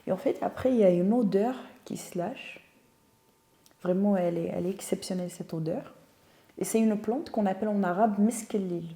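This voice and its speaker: A woman's voice: medium pitch, normal speed. Young woman, roomy echo. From Tunisia. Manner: thoughtful, searches for words, animated when telling stories. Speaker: guest. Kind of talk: casual interview storytelling.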